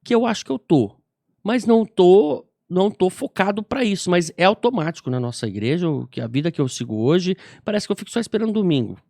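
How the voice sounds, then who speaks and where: A Brazilian man co-hosting a church podcast, telling a personal story in lively casual chat and acting out the people in it. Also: sits high, fairly quick, gravelly, dry recording, clean studio sound. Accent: Brazilian Portuguese. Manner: animated, acts out voices in his stories. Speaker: podcast co-host. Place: podcast studio.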